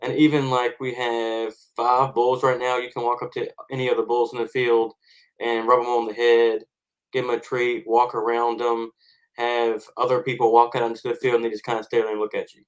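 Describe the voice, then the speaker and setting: A man's voice: mid-range voice, level tone, moderate pace, rough recording. A man, a farmer guest on a podcast, explaining and telling stories casually.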